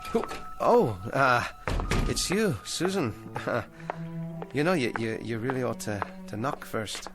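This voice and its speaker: Speaking slowly at medium pitch with big swings in his voice, an actor plays a struggling male ventriloquist over music in a 1960s television drama. The down-on-his-luck character is eager and fretful, with an anxiously upbeat manner.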